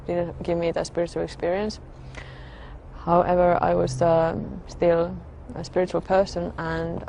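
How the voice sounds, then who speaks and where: A soft-spoken woman from Finland, a religious convert, gives a personal testimony, speaking slowly and hesitantly with frequent pauses and fillers as she searches for words. Her fairly low voice is gravelly and quite flat in pitch, with a faint room hum behind her.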